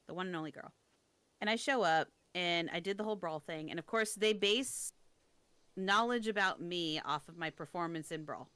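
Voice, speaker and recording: A young woman with a bright, tense edge to her voice spins a story in casual chat. She pitches a little low, restarts her sentences often and pokes fun at herself, all in a dry, close sound. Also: clear, resonant tone, no echo. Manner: storytelling, self-deprecating, quick restarts.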